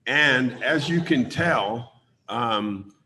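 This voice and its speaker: A man with a raspy voice from a cold, hosting a community town hall and leading a prayer, speaking haltingly with many ums. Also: mid-range voice, expressive, pushed and bright.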